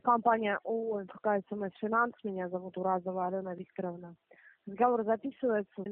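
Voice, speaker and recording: Female collector, officious, fast delivery, tinny dry phone audio. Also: mid-range voice, fairly even intonation, dry recording. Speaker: debt collector. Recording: narrow tinny phone line.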